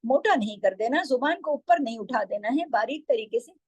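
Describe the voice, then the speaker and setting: A woman teaching tajweed, explaining patiently and drawing out syllables slowly when she demonstrates. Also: a little high, expressive, a little mellow, husky, no echo, rough recording. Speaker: Quran recitation teacher.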